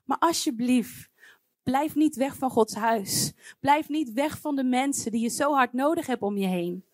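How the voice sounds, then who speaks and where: A woman's voice: high-pitched, measured pace, dry recording. A woman preaching a sermon to her congregation, earnest and pleading, speaking directly to her listeners.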